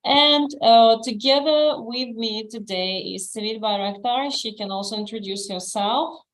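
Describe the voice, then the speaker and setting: A woman from Russia hosting a live online speaking club over a video call, giving friendly instructions with frequent pauses and fillers. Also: on the high side, rough recording. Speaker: host and English teacher.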